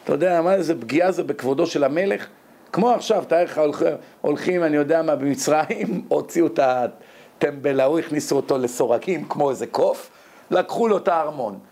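A man's voice: fairly high pitch, vocal fry, warm tone. A man giving a Torah lecture, telling stories animatedly and firing rhetorical questions.

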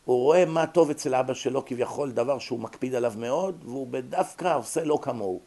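A man's voice: medium pitch, dark tone. A man lecturing on psychology to an audience, explaining with examples and rhetorical questions.

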